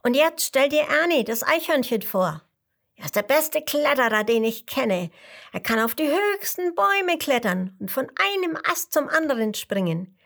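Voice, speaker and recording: A woman voicing a tiny, boastful male mosquito in a storybook read-aloud, talking eagerly and loudly. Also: sits high, very animated, moderate pace, vocal fry, voice pushed up, heavily acted. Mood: excited. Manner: eager, loud, show-offy. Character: small boastful male mosquito, excited chatterbox.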